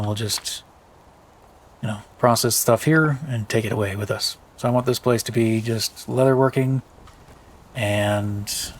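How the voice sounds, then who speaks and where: Let's play host, man, mid-pitched and a bit tired, thinking aloud over faint ambient noise. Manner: rambling, thinking aloud with many fillers. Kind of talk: casual gameplay commentary.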